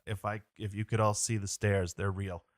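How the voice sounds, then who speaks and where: Man, podcast co-host, low voice, dry sound, jokey, casual. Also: level tone, normal speed, no echo. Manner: joking, asks leading questions. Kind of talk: casual conversational discussion.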